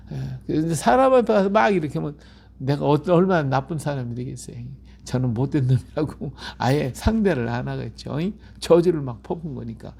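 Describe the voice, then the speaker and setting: A man's voice: a little high, gravelly, dark tone, husky. A middle-aged male pastor giving a Bible-reading sermon, emphatic and repetitive, often asking his listeners for agreement.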